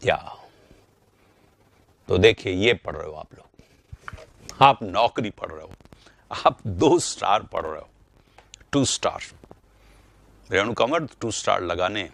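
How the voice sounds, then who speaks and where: A man's voice: low voice, animated, takes it slowly, gravelly, pauses often, fairly bright tone, no echo. Guy teaching a grammar class online, keeps asking questions and hammering words, dry sound. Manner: explains with rhetorical questions, stresses words by repeating them.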